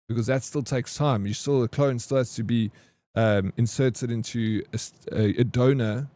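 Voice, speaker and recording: Warm-voiced man chatting on stream. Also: medium pitch, no echo. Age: 40s. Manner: chatty, joking, reads and answers chat. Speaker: game streamer. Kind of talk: casual live-stream chat.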